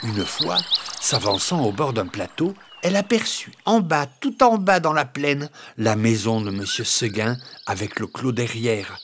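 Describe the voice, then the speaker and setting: A man reading a classic children's story aloud, expressive, with dramatic swings in his delivery. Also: mid-range voice, measured pace, a little hiss or hum.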